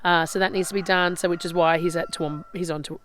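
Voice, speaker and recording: Gravelly-voiced Australian woman, outdoors among noisy poultry. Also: fairly low pitch, steady tone, fast talker. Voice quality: gravelly, slightly raspy. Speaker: vlogger showing her homestead. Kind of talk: casual walk-and-talk chat. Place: outdoors by chicken pens on a rural property. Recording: outdoor farm noise, loud poultry. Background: roosters crowing, hens clucking, guinea fowl.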